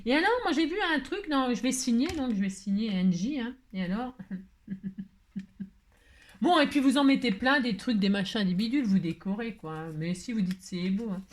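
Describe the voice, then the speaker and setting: A woman hosts a casual crafting tutorial, chatty and playful, joking as she works and filling her talk with filler tags. Her voice is fairly high and animated, at a moderate pace.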